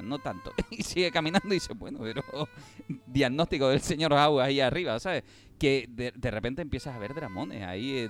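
A man chats casually about streaming series, telling stories with lively quoted lines. His voice sits at a middle pitch. Faint music plays behind him. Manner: animated storyteller, acts out quoted lines. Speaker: podcast host.

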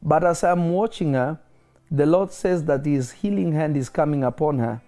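A man speaks in a declaring prophetic manner, with a somewhat high pitch and a warm, relaxed timbre. He keeps pressing whether the listener is following. Faint music plays beneath his words. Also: moderate pace. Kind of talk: prophetic ministry over a phone call.

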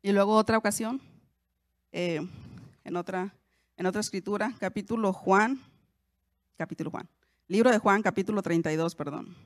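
A woman teaches the Bible to other women in an easy, conversational way. Her pitch sits in a middle range, and she often asks her listeners questions and corrects herself. The recording is dry and close. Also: normal speed, long pauses, no room sound. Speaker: Bible teacher, podcast host.

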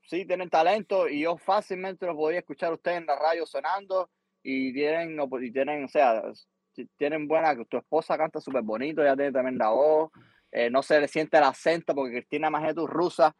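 Speaking a little fast in a fairly high voice, a middle-aged Cuban musician guesting on a podcast spins a long story in Cuban-accented Spanish. He's animated, repeats his words, and acts out quotes from people he met. There's no echo on the recording.

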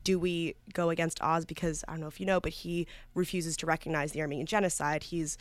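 A woman's voice: sits low, fairly even intonation, quick pace, dry recording. A young woman from New York, a student guest talking earnestly in a casual interview, with many fillers and restarts. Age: young adult.

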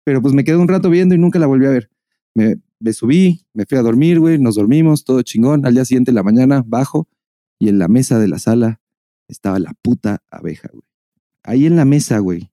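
A man with a Mexican Spanish accent, co-hosting a podcast and telling a story in casual, animated chat, full of swearing and laughter. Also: medium pitch, fairly quick, no echo, studio quality. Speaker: podcast co-host.

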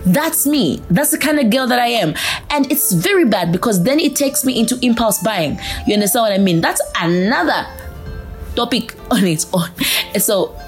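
A woman's voice: on the high side, lively intonation, normal speed, soft background music. A young adult woman with a Zambian accent hosting a solo podcast in a casual, chatty, informal way. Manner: chatty, informal, slips between English and a local language. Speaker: podcast host.

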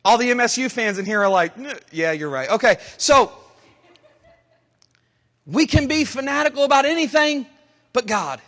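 Man, pastor, high voice, sermon, loud-to-quiet swings, long hall reverb. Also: moderate pace, pauses often. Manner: animated preaching, swings from loud shouts to low asides. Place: church sanctuary.

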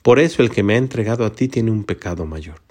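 A man giving voice to a calm, solemn male prisoner in a Gospel reading. His voice sits lowish and steady, and every line is unhurried.

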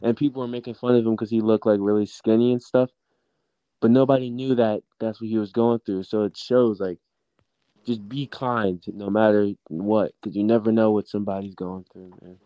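A teenage boy co-hosts a casual podcast in a low, mellow voice. He talks earnestly and steadily. The sound is dry and close, with no room echo. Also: steady tone, normal speed, dull audio. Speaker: podcast co-host.

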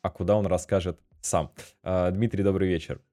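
A man from Russia hosting a podcast interview, chatting in a relaxed way with fillers. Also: deep voice, moderate pace, faint music behind. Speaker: podcast host.

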